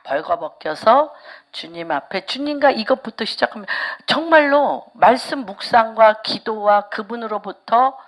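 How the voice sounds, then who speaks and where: A woman pastor preaches in a church, her pitch sitting a little high and swinging widely. She questions the congregation and then drops to hushed whispers to press a point. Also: lively intonation, measured pace. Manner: asks the congregation rhetorical questions. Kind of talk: sermon.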